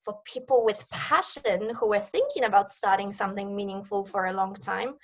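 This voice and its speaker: A woman's voice: medium pitch, moderate pace. A woman in her thirties from Poland, speaking with a Polish accent, answering interview questions eagerly over a video call. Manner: enthusiastic, eager. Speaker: guest, networking coach.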